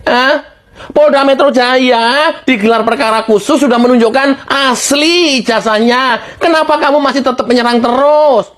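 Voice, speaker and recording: A woman's voice: sits high, moderate pace. A woman giving heated political commentary, indignant and mocking, laughing scornfully and repeatedly calling out the person she criticises. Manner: indignant, mocking, repeatedly addressing her target; laughs scornfully between remarks.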